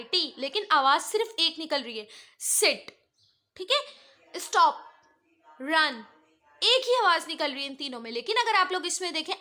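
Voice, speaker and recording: A woman with a Pakistani accent gives an online English grammar lesson in a very high, bright voice. She moves through the rules one step at a time and keeps checking whether her students are following. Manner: explains step by step, checks understanding with repeated "okay?".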